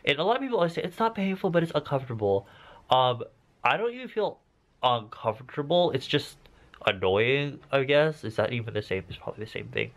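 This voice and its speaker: Still stuffed up from nose surgery, a man vlogs casually to camera with a congested, blocked-nose sound and campy, playful asides. He speaks at a medium pitch, expressively and fairly quickly, with a fairly bright tone.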